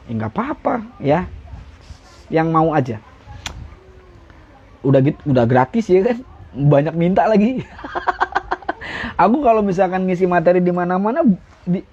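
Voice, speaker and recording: A man's voice: fairly high pitch, darkish tone, dull audio. A young man teaching flag ceremony steps in a casual live-stream lesson, joking and now and then barking out commands.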